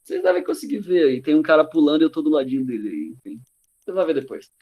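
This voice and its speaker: A man's voice: fairly high pitch, very animated, quick pace, breathy edge, lo-fi sound. A man teaching a live online class over a video call, casual and slangy, acting out what people said. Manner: casual and slangy, acts out quotes.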